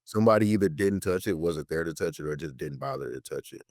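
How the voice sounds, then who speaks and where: A nineteen-year-old American man, a political educator and content creator, tells stories as a podcast guest in a rumbling low voice. He talks fast with lively intonation, using slang and emphatic repetition, captured in a dry, clean studio recording.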